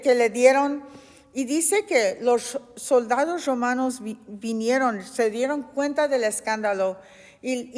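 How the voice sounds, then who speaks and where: A woman's voice: fairly high pitch, a little mellow, big-room sound. A woman teaching a Bible study, telling the story expressively and asking rhetorical questions.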